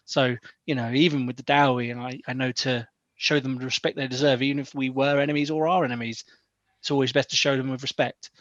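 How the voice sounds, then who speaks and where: Speaking fast in a natural, medium-pitched voice that's a bit bright and fairly even, a man plays a diplomatic, courteous elf who negotiates smoothly in an improvised tabletop session. His persuasion is polite and formal. The audio is close, dull and lo-fi, without echo.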